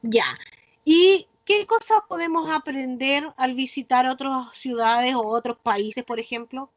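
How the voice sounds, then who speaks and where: A woman's voice: high-pitched, a little slow, no echo. A woman with a Chilean accent teaching an online class to children, explaining patiently and often checking in with the class. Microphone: video call. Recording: noisy video call.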